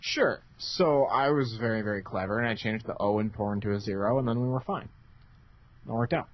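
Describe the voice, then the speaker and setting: Talking fairly briskly in a low-ish voice, this US co-host of a casual gaming podcast wanders from point to point with dry, throwaway humor. The recording comes through a dull, lo-fi podcast microphone.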